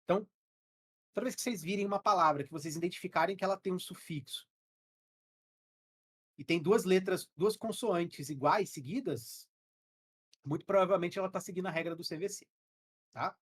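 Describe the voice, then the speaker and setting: A woman's voice: on the low side, moderate pace, long pauses, slightly rough. A woman from Brazil teaching English grammar to developers in a live online class, explaining rules step by step and checking in with her students. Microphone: headset.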